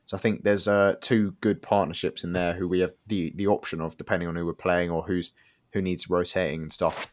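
A man's voice: low-pitched, flat delivery, fairly quick. A man co-hosting a podcast, blunt and joking, breaking down play in detail. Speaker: podcast co-host. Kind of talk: casual podcast chat.

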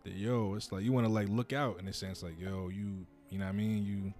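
A man's voice: on the low side, steady tone, fast, darkish tone, soft background music. A young man co-hosting a casual podcast chat at home, laid-back and agreeing often. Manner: laid-back, says "facts" and "word" often. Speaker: podcast co-host. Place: house, indoors.

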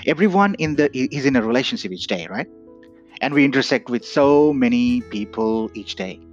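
A man from Nepal giving a reflective, earnest talk, often asking "right?". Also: medium pitch. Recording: dull lo-fi audio with faint guitar.

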